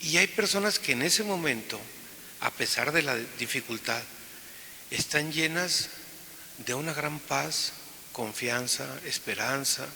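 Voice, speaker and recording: A man's voice: medium pitch, lively intonation, a little slow, sharp tone. A man speaking as a priest at Mass, solemnly delivering scripture and homily in an echoing church. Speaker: priest celebrating Mass, preaching. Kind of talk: liturgical Gospel reading and homily. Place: large reverberant church. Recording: echoey cathedral-like reverb, hissy background noise.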